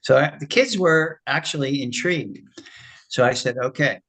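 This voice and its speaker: A man, a retired schoolteacher, leading a spiritual class and telling a story in a casual, animated way. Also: a little high, moderate pace, breathy edge, low-quality recording. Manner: animated storyteller, acts out quoted voices. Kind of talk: casual storytelling after a lecture.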